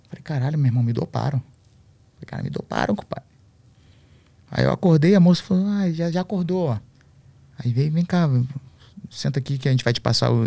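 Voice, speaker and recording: A man's voice: on the high side, creaky, mellow, no room sound. A man, a podcast guest and MMA coach, telling a story in slangy, swear-filled casual talk.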